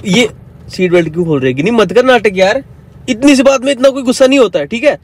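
Chatting in a driving vlog, this twenty-something man speaks fast in a very high voice with lively intonation. He coaxes and teases his girlfriend until he becomes exasperated, over faint outdoor traffic and the sounds of the car and street.

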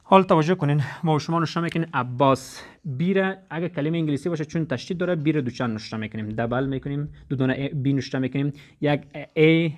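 A man gives a classroom lesson. His voice sits slightly high, and he explains each step slowly and patiently, repeating his points. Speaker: teacher.

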